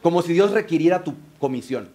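High-voiced, animated Mexican pastor. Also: male voice, fairly quick. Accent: Mexican Spanish. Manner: animated, joking, acts out voices. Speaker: pastor and biblical counselor. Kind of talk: sermon. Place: church before a congregation.

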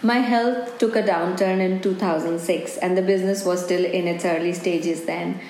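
A woman in her forties from India, speaking with an Indian accent, is a business owner answering interview questions earnestly and reflectively, saying "you know" a lot. Her voice is on the low side, steady, a little mellow and at normal speed, in a roomy recording with faint ambience and slight background noise.

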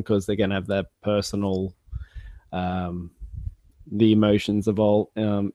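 A man with a fairly low voice chats on a review podcast in a measured, thoughtful way with dry humor. The sound is close and dry. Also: a little mellow, no echo. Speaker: podcast co-host. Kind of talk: casual review chat.

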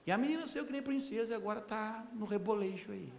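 A young male pastor preaching a sermon, asking the congregation to repeat after him and breaking into shouts. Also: high voice, fast, gravelly, slight background noise. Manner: preaching with call-and-response, bursts of shouting. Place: church hall. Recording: echoey hall.

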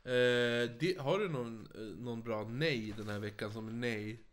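Man, chill podcast co-host, keeps the chat going. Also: mid-range voice. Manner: encouraging listener, quick interjections. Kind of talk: casual chat.

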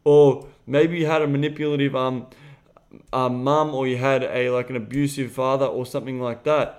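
An Australian man hosting a casual podcast chat, emphatic and swearing freely, swinging from quiet reflection to loud bursts. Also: mid-range voice, flat delivery, moderate pace, smooth. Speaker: podcast host, dating coach.

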